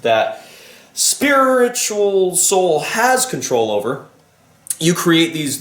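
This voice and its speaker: A man's voice: mid-range voice, fairly bright tone, roomy sound. A man vlogging his musings in a casual, rambling way, often losing his thread, restarting and swearing casually. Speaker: vlogger and life coach. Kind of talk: casual spoken musing to camera.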